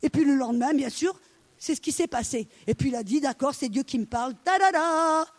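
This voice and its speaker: A woman in middle age delivers a sermon in a high voice. She tells her stories with energy and plays out the dialogue herself. She speaks straight to her congregation. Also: fast talker, husky. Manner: animated storytelling, acting out dialogue. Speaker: preacher.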